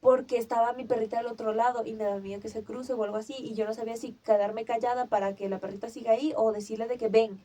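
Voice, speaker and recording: A young woman, hosting a podcast and telling a personal story in casual chat, acting out her own cries and shouts as she goes. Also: on the high side, fairly even intonation, quick pace, hardly any pauses. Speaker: podcast host.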